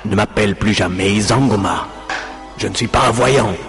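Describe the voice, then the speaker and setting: A man voicing a menacing male sorcerer who speaks in slow, low incantations, over music. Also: creaky. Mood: commanding.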